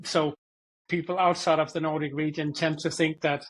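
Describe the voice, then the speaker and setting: A man answers questions in a relaxed interview. He hesitates and repeats words as he thinks. His voice sits slightly high. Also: normal speed, poor audio. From Denmark. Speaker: guest expert. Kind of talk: conversational interview.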